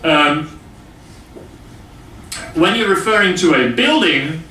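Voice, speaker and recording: A man teaching English grammar to a class, explaining slowly with many pauses and fillers. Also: fairly high pitch, expressive, sharp tone, a little hiss or hum. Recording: echoey classroom from far off.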